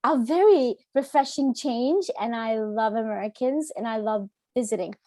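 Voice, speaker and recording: A woman, a teacher chatting earnestly as a podcast guest, often pausing on "um". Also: fairly high pitch, no echo, clean studio sound. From Canada. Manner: warm, earnest, with frequent "um" fillers. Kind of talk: casual interview chat.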